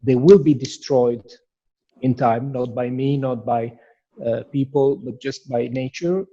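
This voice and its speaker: A man's voice: mid-range voice, steady tone, measured pace, warm tone, highs cut off. A man from Iraq, a sculptor, giving thoughtful, searching answers in an interview with many restarts.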